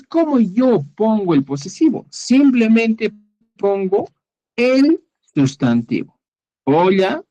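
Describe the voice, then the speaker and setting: A patient male teacher on a video call, speaking slowly with a lively rising and falling melody. He keeps checking that his students understand, in an unhurried classroom manner. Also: sits high, rough recording. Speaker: Quechua teacher. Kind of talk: online class explanation.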